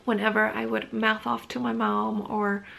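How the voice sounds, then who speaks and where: A woman's voice: on the high side, little pitch movement, normal speed, creaky, pushed and bright, a little hiss or hum, poor audio. A woman in her thirties chatting casually to camera from a living room sofa, rambling with frequent restarts and ums. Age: 30s. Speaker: vlogger.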